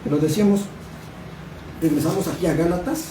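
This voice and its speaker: A man preaching a Bible study, reading verses aloud and quizzing his listeners. His voice sits a little high for a man. He is recorded from a distance in a reverberant church room, with noise running underneath. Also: a little fast. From Mexico. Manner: questioning the congregation, reading scripture aloud. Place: church hall. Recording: echoey room, distant mic, background noise.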